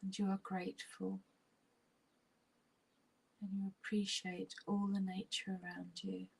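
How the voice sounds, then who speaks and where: A woman leads a guided relaxation meditation in a soft, breathy, husky voice that is nearly a whisper, soothing and unhurried with long pauses. Her pitch is medium and her delivery completely flat, and the audio quality is poor.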